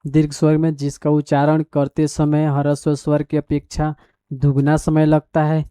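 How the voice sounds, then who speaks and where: A male teacher giving a school grammar lesson, dictating definitions slowly word by word as he writes them down and asking the class questions along the way. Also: a little high, monotone, warm tone, smooth, dry recording, studio quality. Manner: repeats definitions and quizzes the class.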